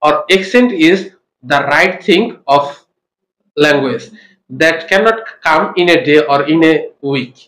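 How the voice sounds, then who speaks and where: A young Bangladeshi student answers in very slow, halting English, pausing often to find words. His voice is slightly high. The classroom sound is echoey. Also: expressive, fairly bright tone. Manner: halting English with pauses, occasional coughs.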